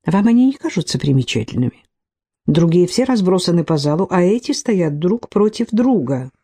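A woman voicing a calm, sensible man in an audiobook. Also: on the low side, breathy edge, full character voice. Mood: curious. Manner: measured, sensible. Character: calm, reasonable bespectacled man.

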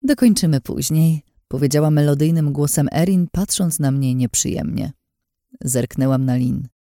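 A woman reading a novel aloud in the first person, her tone mellow and warm. The storytelling is tense and hushed, recorded close with a dry, dead sound. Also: deep voice, steady tone, moderate pace, no room sound. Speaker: audiobook narrator. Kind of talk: scripted first-person narration.

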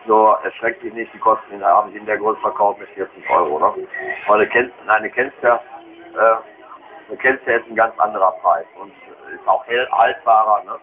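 A man selling plants at a market in casual, chatty, folksy sales patter, often ending with tag questions. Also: lowish voice. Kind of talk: casual sales talk to a customer. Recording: noisy, tinny phone-like sound.

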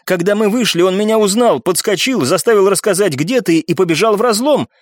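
A man voicing a grieving young woman who speaks in a muted, quiet way. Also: high-pitched, fairly quick, dry recording, studio quality, pitched above the performer's own voice, close to an everyday voice.

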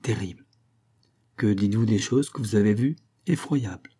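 A man's voice: moderate pace, mellow, breathy edge. A man voicing a grave, weary, honest male physician in an audiobook, speaking in a subdued, somber way. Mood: grim. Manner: subdued, somber, low-key. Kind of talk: audiobook reading.

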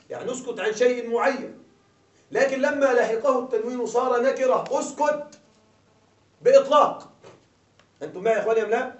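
Guy with a really high voice lecturing a class, keeps asking if everyone's with him, roomy far-off dull recording. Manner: keeps checking with listeners, repeating questions. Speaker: grammar teacher. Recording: echoey dull room sound from afar.

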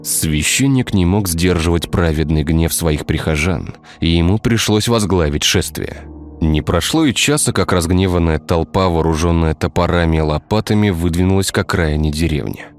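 A man narrating a dark village tale in a scripted storytelling style. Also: low voice, moderate pace. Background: faint music.

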